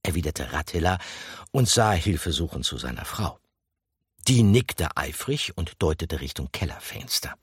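Husky, expressive male storyteller. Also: low-pitched, normal speed, no room sound, studio quality. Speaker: audiobook narrator. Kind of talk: scripted narration.

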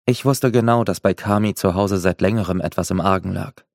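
Deep gravelly male audiobook narrator. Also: brisk, darkish tone, no echo, clean studio sound. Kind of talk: first-person novel narration.

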